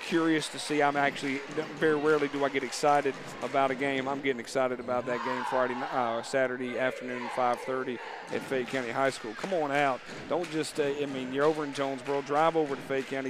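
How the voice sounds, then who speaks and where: A man calling a local high school basketball game in a rambling, chatty way with many restarts. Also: little pitch movement, a little fast, hardly any pauses. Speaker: play-by-play commentator. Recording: noisy gym ambience.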